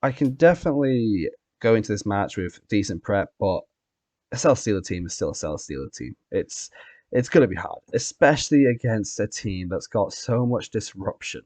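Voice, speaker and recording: Male host, lowish voice, close dry sound, casual recap and predictions talk. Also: expressive, normal speed, darkish tone, no room sound. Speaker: podcast host and competitive player.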